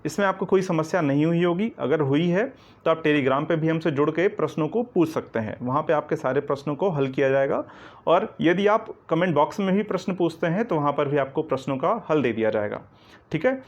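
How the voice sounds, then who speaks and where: His voice is a little high, animated and fairly quick as he teaches Hindi grammar in an online coaching lecture. He builds the explanation step by step, checks in with "ठीक है ना", and poses questions to the class before answering them. The recording is dull and lo-fi.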